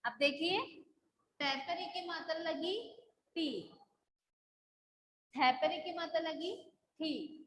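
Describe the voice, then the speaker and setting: A woman's voice: very high-pitched, takes it slowly, pauses often, reverberant, rough recording. A woman school teacher taking a live online class, patiently drilling syllables and checking that the students follow.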